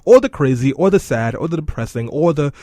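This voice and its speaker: A young man from New York chats on a radio show in a loose, joking way. His speech runs fast and sits a little high. The studio sound is dry and close. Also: expressive, mellow, no echo. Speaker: radio co-host. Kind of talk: casual radio chat.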